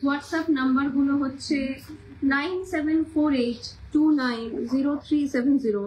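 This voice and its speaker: Chatty high-voiced Kolkata Bengali woman. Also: normal speed, darkish tone, slight background noise, rough recording. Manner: chatty, repeats every weight and price twice. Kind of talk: casual live-stream sales chat.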